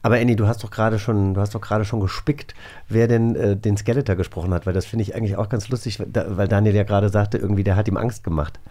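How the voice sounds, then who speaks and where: Talking about audio dramas in a casual, nerdy way, the host of a radio play podcast speaks quickly. His mellow voice is fairly low in pitch with fairly even intonation.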